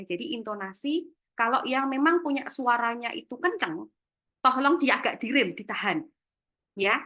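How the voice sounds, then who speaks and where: A woman giving a career workshop talk in an online seminar, lively, acting out short example lines. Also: on the high side. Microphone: video call.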